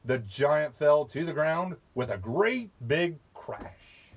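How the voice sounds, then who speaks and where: A man reading a children's picture book aloud, slowly and patiently, pausing to point out the pictures. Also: fairly high pitch, big pitch swings, vocal fry, lo-fi sound. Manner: slow, patient, with asides about the pictures. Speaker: storybook reader.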